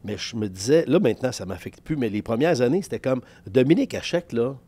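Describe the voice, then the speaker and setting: Warm and husky, his mid-range voice moves quickly with lively intonation as this Quebec sports journalist in his fifties, Québécois French accent and all, shares career stories in a relaxed podcast chat. He often quotes the dialogue of the moments he recounts.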